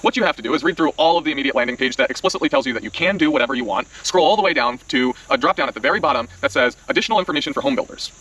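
A young man co-hosting a vlog chats to camera outdoors in a wooded clearing, his mid-range voice animated and a bit bright. He explains things fast and with exasperation, packing in "like"s. Audio comes first from a camera-mounted mic a little distance away, then from a handheld selfie camera.

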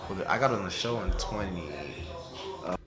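A young man in his twenties rambles in a relaxed, slangy vlog chat. His voice rings in an echoey bedroom, picked up by the camera mic, with loud music playing behind him. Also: low-pitched, moderate pace. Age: 20s. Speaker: YouTuber. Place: bedroom indoors.

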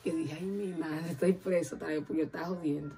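A woman's voice: low voice, quick pace, husky, faint music behind. A woman telling a long story in a casual interview, acting out the voices of the people in it. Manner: animated, acts out quoted voices.

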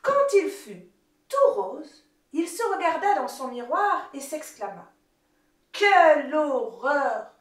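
A woman's voice: high voice, wildly swooping pitch, a little slow. A woman storyteller reading a children's story aloud expressively. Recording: roomy, distant, ukulele music behind.

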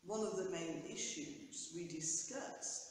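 An older woman priest gives a measured reflection and prayers, seated in a small church pew. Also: fairly low pitch, a little mellow, slight background noise. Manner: measured, careful delivery. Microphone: camera at a distance. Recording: echoey church from far off.

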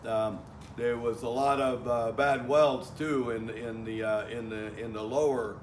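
A man's voice: mid-range voice, fairly even intonation, unhurried. A middle-aged man teaching welding outdoors in a plainspoken way, with many fillers and restarts, recorded from a far camera. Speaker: welding instructor. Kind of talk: casual outdoor lecture. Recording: echoey, from a distance, faint ambient noise.

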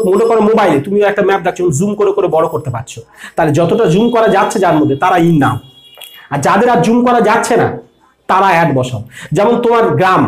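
Patient exam-prep teacher, asks and answers, roomy echo. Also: mid-range voice. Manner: explains patiently, asks questions and answers them. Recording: echoey room.

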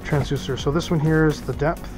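A man's voice: a little high, steady tone, a little fast, over music. A middle-aged man casually unboxing boat gear in a small office, thinking aloud with lots of fillers, recorded on a head-mounted camera. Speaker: boating vlogger.

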